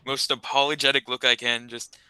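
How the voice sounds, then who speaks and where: A man's voice: medium pitch, expressive, moderate pace, pushed and bright, no room sound, rough recording. A man playing a tabletop game with casual, mock-earnest, joking role-play.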